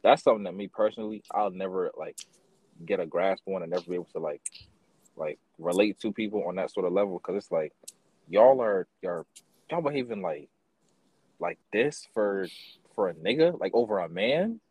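Low husky-voiced man in casual chat. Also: expressive, a little mellow, no room sound. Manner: slow, drawn-out slang-heavy storytelling.

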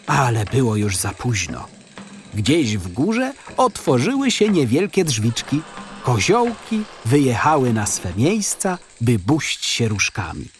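A man narrating a children's story in a dramatic, expressive reading. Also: mid-range voice, a little hiss or hum.

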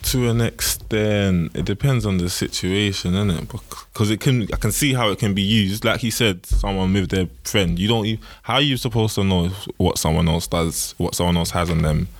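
A man's voice: low-pitched, moderate pace, hardly any pauses. A man with a London roadman accent and street slang, chatting casually. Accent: London, urban street slang. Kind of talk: casual chat.

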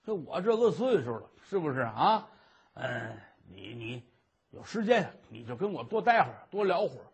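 A male storyteller playing an old master near seventy who coaxes a young girl in a soft voice. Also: fairly high pitch, big pitch swings, normal speed, creaky, slightly rough, voice pushed down, full character voice. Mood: coaxing. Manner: soft, coaxing.

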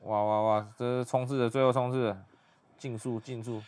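Young man, smooth clear voice, quiet muttered play-by-play reaction host. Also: medium pitch, level tone, normal speed. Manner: hushed, muttered running commentary.

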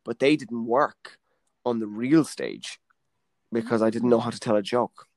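A man's voice: medium pitch, unhurried, dry recording. A young man, a comedian hosting a casual chat, telling stories and acting out the voices of people he quotes. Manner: animated, acts out quoted voices. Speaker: comedian and podcast host.

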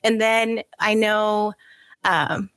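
A woman's voice: mid-range voice, fairly even intonation, drawn-out words, a bit bright, no echo, studio quality. A woman hosting an interview, thoughtful and loosely paced, mixing Spanish phrases into her English. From Guatemala. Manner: bilingual, mixes Spanish phrases. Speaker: host. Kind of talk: conversational interview.

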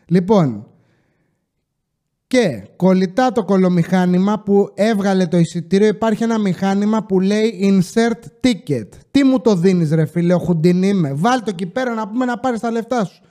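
A man telling comic stories from his casino job in a loose, slangy, joking way, with coughs and quick asides. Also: high voice, expressive, mellow. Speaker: podcast host telling casino work stories. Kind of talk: casual storytelling monologue.

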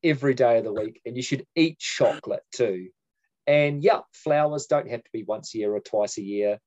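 A man co-hosting a podcast, chatting in a relaxed, enthusiastic way and swearing casually. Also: mid-range voice, normal speed. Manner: laid-back, sweary, enthusiastic. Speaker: podcast co-host. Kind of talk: casual chat. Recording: slightly dull sound.

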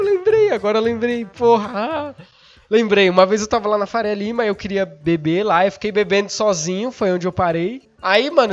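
A young man, hosting a podcast while stoned, rambling and excitable, swearing often and losing his thread. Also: sits high, dull audio. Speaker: podcast host. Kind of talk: casual rambling storytelling.

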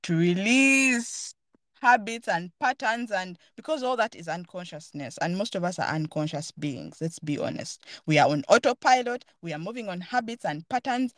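A woman's voice: on the low side, animated, moderate pace, no room sound. A woman hosting a podcast, talking earnestly and thoughtfully in a casual, reflective chat while searching for her words. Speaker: podcast host.

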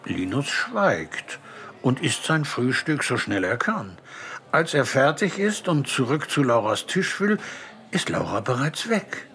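A man narrating a children's audiobook in a gentle storytelling manner. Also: mid-range voice, big pitch swings, measured pace. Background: faint music.

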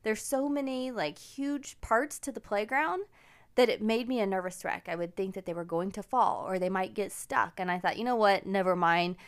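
A woman's voice: medium pitch, steady tone, normal speed. Middle-aged woman hosting a motivational podcast, upbeat and encouraging, chatty personal stories. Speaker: podcast host. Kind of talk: casual personal storytelling.

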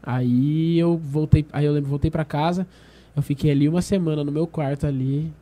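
This man recounts his own faith story in a relaxed chat at a normal speed, his slightly high voice soft and mellow. He's an earnest storyteller who acts out what others said and keeps starting his sentences over.

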